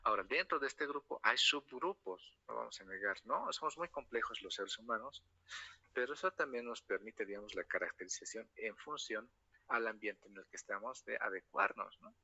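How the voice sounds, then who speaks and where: A fairly low, sharp-toned male voice from La Paz, Bolivia, lectures university students at a moderate pace over dull audio. He checks in with a tag question after nearly every phrase and wanders into little stories.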